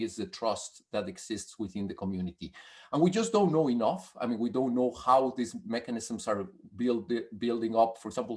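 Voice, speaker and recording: A man speaking as a panelist in an online discussion, halting and repeating words as he grows heated. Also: medium pitch.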